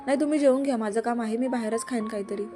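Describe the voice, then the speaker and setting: A relaxed young man who reassures others in a casual, easy tone, read by a woman storyteller. The voice stays a little high, with music underneath. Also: rapid-fire, lightly acted. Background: background music.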